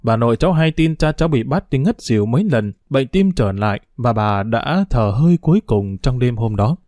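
A man's voice: medium pitch, expressive, normal speed, a little mellow, no echo, clean studio sound, natural voice. A man voicing an older woman in a read-aloud story, solemnly recounting family history. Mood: sorrowful. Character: older woman, stern but caring family servant.

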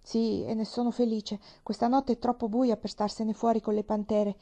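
A woman reading an audiobook, voicing a steady, protective pioneer father who sometimes raises his voice. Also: on the high side, normal speed.

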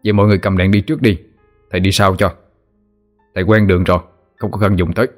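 A man voicing a calm, soft-spoken male village teacher who reassures the group. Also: low-pitched, quick pace, faint music behind, lightly acted.

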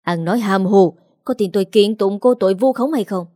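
A woman's voice: medium pitch, dark tone, dry recording, clean studio sound, lightly acted. A woman doing a pushy, scheming husband. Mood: indignant. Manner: quick, pushy and defensive. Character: scheming middle-aged man, fake grieving husband.

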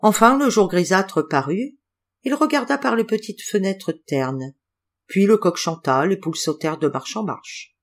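A woman narrating an old tale aloud with expressive, dramatic phrasing. Her reading swells and softens with the story's descriptions. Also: medium pitch, measured pace. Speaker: audiobook reader. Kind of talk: scripted narration of a classic tale.

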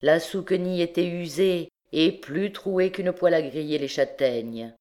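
Female audiobook reader, measured, expressive narration. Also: lowish voice.

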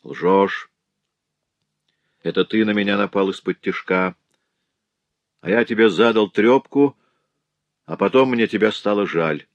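A man voicing a strong, calm older brother who speaks firmly and coldly. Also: lowish voice, a little slow, long pauses, no room sound. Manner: calm, firm, cold.

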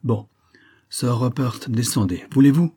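A man's voice: medium pitch, measured pace, dark tone, breathy edge. A man voicing a cool, commanding army major who speaks curtly and threatens.

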